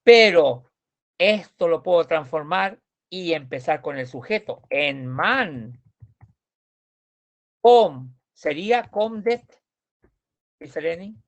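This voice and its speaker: A man with a gravelly, creaky voice explains grammar in a class. He talks patiently, repeats words and keeps checking that his students follow. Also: a little high, animated, takes it slowly, long pauses. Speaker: Swedish teacher.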